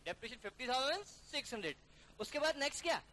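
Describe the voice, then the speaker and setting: A male accounting teacher giving a classroom lecture, briskly coaxing students to call out figures and mixing English terms into his talk. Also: very high-pitched, sing-song, sharp tone. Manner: calls students "beta" and "yaar". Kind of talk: classroom lecture working through a problem.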